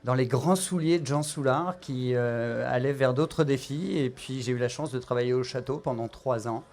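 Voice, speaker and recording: A man's voice: mid-range voice, moderate pace, darkish tone. A middle-aged man with a Parisian French accent, a chef explaining a cooking demonstration, with frequent fillers and restarts. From France.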